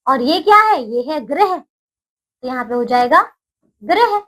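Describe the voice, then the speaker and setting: A woman teaching young children in a slow, patient lesson voice. Her voice sits very high and swings widely, and she lifts each new word in a sing-song way so the children can follow along. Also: animated, pushed and bright, low-quality recording. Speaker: primary school Hindi teacher.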